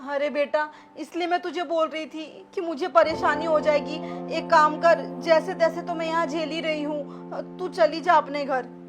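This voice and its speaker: Sly mother-in-law figure, played by a woman, pleading and whiny, fairly high voice, light music behind. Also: fairly even intonation, moderate pace, few pauses, natural voice. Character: scheming middle-aged Indian mother-in-law, sly.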